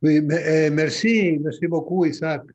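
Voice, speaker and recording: A man with a Latin American Spanish accent speaks halting non-native French, searching for words and repeating himself as he reflects at a church workshop. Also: on the high side, fairly even intonation, darkish tone, muffled recording.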